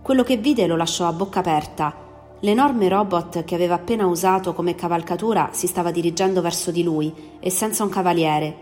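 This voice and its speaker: A woman reads a story aloud with expressive, steady narration. Her voice sits slightly low, with a long reverb and faint music underneath. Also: a little fast. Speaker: story reader.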